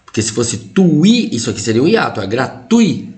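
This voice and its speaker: Man, Brazilian accent, grammar teacher, explanatory, joking asides, animated pitch. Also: normal speed. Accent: Brazilian Portuguese. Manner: explanatory, lively, jokes with students, frequent "tá?" and "ó". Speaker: Portuguese teacher. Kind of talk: exam-prep grammar lesson.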